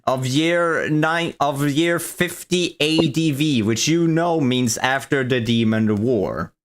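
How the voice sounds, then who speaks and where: A man's voice: medium pitch, slow. A man running a tabletop game as dungeon master, narrating the scene in a rambling way, restarting his sentences and swearing casually on a voice call. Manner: rambling, profane, restarts often while narrating.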